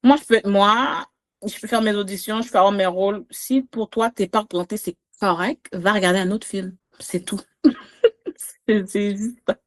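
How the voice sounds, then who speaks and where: A woman from Quebec with a Québécois accent, chatting as a podcast guest and comedian, animated and laughing often with big swings in her voice. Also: mid-range voice, normal speed. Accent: Québécois French. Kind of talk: casual interview chat.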